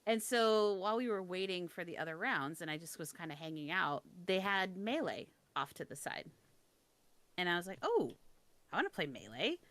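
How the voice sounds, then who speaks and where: A young woman telling a story in casual chat, self-deprecating, with frequent quick restarts. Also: on the low side, a bit bright, no room sound.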